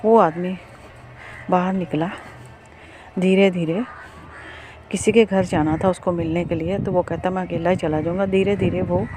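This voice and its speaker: A storyteller spinning a spooky tale in a loose, conversational way. The voice sits at a middling pitch and stumbles forward, circling back and repeating itself as the story builds. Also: steady tone. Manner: halting and repetitive, restarts often. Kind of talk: casual spoken ghost story narration.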